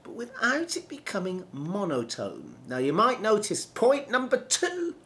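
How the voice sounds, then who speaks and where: This is a middle-aged male trainer giving a lesson on speaking. His pitch swings widely. He demonstrates each point as he goes, drawing words out and repeating them. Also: wildly swooping pitch, fairly bright tone. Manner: demonstrative, slows down and stretches words for emphasis, repeats key words. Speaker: presentation skills trainer. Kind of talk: instructional talk to camera.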